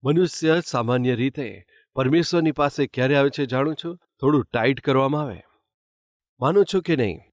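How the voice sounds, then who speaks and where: A man's voice: mid-range voice, moderate pace, no room sound, clean studio sound. A man preaching a sermon as pastor, asking his listeners rhetorical questions. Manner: asks the congregation rhetorical questions.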